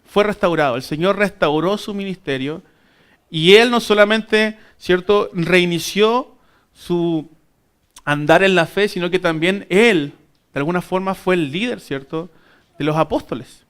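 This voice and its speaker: A man's voice: high-pitched, a little slow, smooth. A man teaching a Bible class at church, earnestly addressing his listeners as brothers and often checking in with them. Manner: keeps calling listeners "brothers" and asking "right?"; earnest, uneven emphasis between soft asides and raised points.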